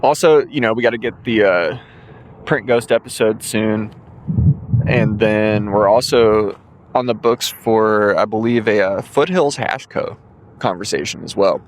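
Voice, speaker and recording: His voice is fairly low and a little slow as this man in his 20s talks through his solo podcast. Sleepy and yawning now and then, he rambles loosely with plenty of ums.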